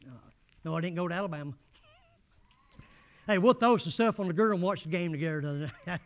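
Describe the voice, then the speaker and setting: A man preaching a sermon in church, folksy and rising to shouted fervor. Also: high-pitched, fast, lo-fi sound. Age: 80s.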